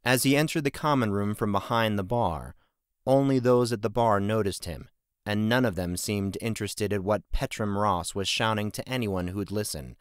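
Low-voiced male audiobook narrator. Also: moderate pace, clear, resonant tone, no room sound, clean studio sound. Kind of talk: scripted narration.

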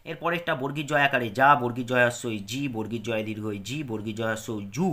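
A man with a bright, forceful voice runs a patient pronunciation lesson. He drills syllable after syllable and keeps asking whether his students are following. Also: mid-range voice, fast. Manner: patient, drilling syllables with frequent check-ins. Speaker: teacher.

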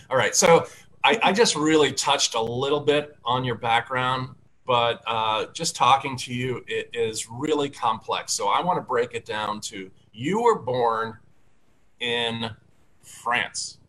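A man hosts a casual talk show over a video call from his home study lined with bookshelves, acting as both host and candidate. His medium-pitched voice is slow and fairly bright, upbeat and chatty with lots of fillers. The webcam recording is rough.

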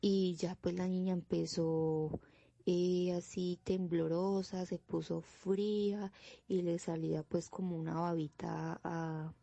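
A woman's voice: on the low side, little pitch movement, slow, vocal fry, mellow, dry recording. A woman telling a personal paranormal story in a casual way, with many "pues" fillers. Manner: plain storytelling, fills with "pues".

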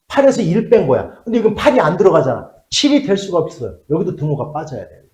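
A middle-aged man teaches math in a classroom. His pitch rises and falls a lot as he checks whether the students follow. The room around him rings with echo. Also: fast. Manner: lively, asks checking questions, drops to mutters while writing. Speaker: math tutor.

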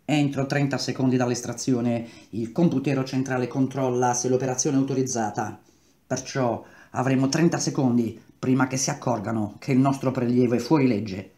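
A man reading a novel aloud in measured, even narration. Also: medium pitch. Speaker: reader. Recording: roomy echo.

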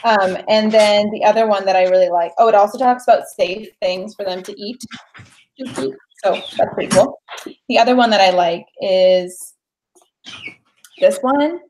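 In her twenties, this livestream host chats casually from her living room over a webcam at desk distance, bubbly and full of fillers. Her voice is medium-pitched and darkish at a normal speed, and the rough recording carries a little hiss or hum.

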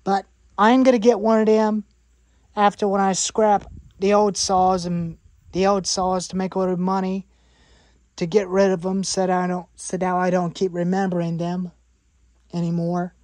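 A woman's voice: medium pitch, level tone, normal speed, a little mellow, no room sound. Young woman rambling through a garage tour. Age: 20s. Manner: rambling, repeats phrases, lists parts. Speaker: chainsaw hobbyist vlogger. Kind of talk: rambling show-and-tell in a workshop. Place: cluttered garage workshop.

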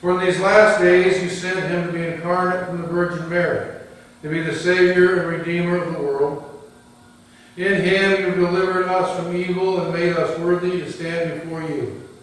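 A man leading a communion service as priest, reciting prayers in a steady, measured way, with a cathedral echo. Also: sits high. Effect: cathedral echo, heard from far off. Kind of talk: liturgical prayer. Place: large church. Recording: echoey large church, distant mic.

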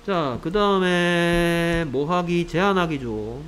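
A man's voice: on the high side, fairly bright tone, slight background noise, poor audio. A man teaching a grammar lesson in a classroom, repeating each phrase in two languages and often checking that the class understands. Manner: keeps checking understanding with quick questions; repeats each phrase in English then Korean. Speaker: English teacher.

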